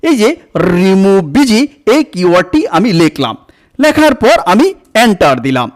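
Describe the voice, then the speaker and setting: A man with a Bangladeshi Bengali accent giving a software tutorial, explaining step by step and often repeating himself. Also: high-pitched, very animated, normal speed. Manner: repetitive, stepwise explaining with frequent "look here". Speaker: tutorial instructor. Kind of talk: screen-recorded software tutorial.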